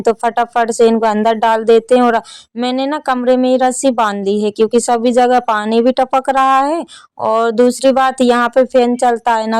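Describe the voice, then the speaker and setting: A woman's voice: on the high side, a little mellow, clean tone, no echo. A young woman narrating her daily home and farm chores as a vlogger, chatting casually with her viewers. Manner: chatty, addresses viewers as friends. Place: rural home with farmyard.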